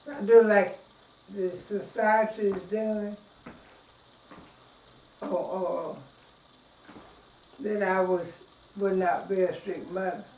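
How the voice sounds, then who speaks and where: A woman of ninety, reminiscing in an interview in a halting way, repeating words as she goes. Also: mid-range voice, fairly even intonation. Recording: echoey room, distant muffled mic.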